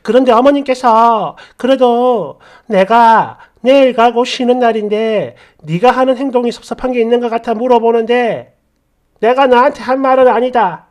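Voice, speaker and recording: A man reading a submitted story aloud in first person, narrating it live as he sorts out the text. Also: very high voice.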